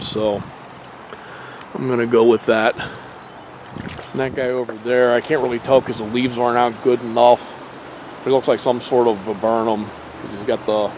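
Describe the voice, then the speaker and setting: A man talks his way through a hike in the woods in a loose, rambling manner, with plenty of fillers and the occasional curse. His voice sits at an ordinary middle pitch. It is captured on a handheld camera outdoors, with a faint hiss of open air and flowing water behind him. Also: rough recording. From Pennsylvania. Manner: relaxed and rambling, with frequent fillers and mild swearing. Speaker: nature vlogger. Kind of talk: casual hiking narration.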